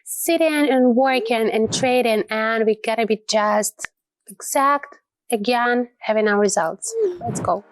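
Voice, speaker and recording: A woman with a hoarse voice from being sick, chatting casually as she comments on her trades, her voice lower than usual. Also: measured pace. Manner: chatty and rambling, with light laughs. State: hoarse from illness. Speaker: trading channel host. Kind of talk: casual trading commentary over a screen recording.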